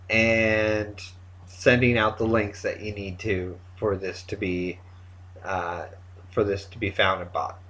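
A man chatting casually as a co-host, playful and quick to joke, with sudden jumps in pitch. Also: a bit bright. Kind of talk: casual chat.

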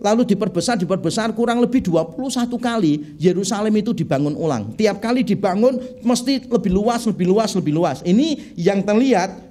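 A middle-aged man preaching a sermon in a conversational, animated way, telling humorous stories. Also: high-pitched, a little fast, few pauses. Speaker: pastor.

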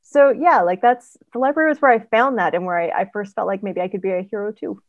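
A woman author chatting as a guest on a podcast interview, telling stories in an animated way with frequent ums. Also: medium pitch, no echo, lo-fi sound. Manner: animated storyteller, quick asides, frequent ums. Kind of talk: casual interview chat.

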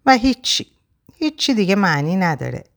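A woman's voice: medium pitch, big pitch swings, vocal fry. A woman reading the part of a young married woman torn between her husband and a lover, voiced with pleading emotion. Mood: distressed.

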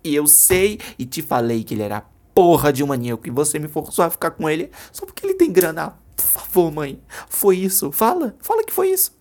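A shrill, desperate young woman, as a storyteller puts her on, her voice leaping high into screams. She shouts in raw fury, lashing out again and again. An audiobook-style story reading. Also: sing-song, quick pace, few pauses. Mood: furious.

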